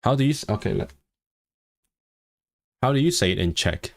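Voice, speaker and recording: A man from Hong Kong, with a gravelly voice and a vague non-southern English accent, chats casually on a language-learning livestream while reading comments aloud. He rambles at normal speed, restarts words, and his pitch jumps when he gets excited. The recording is dry and clean, studio quality.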